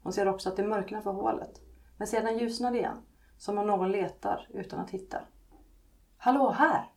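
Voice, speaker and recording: A woman's voice: mid-range voice, fairly even intonation, mellow. A woman author, a guest on a podcast, answering questions hesitantly with many fillers.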